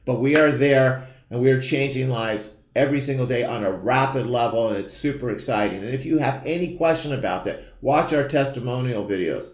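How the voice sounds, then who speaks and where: A man in his fifties hosting a live show, giving an earnest, emphatic motivational pitch that keeps repeating its key phrases. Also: brisk, few pauses, echoey room. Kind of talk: motivational sales pitch to camera.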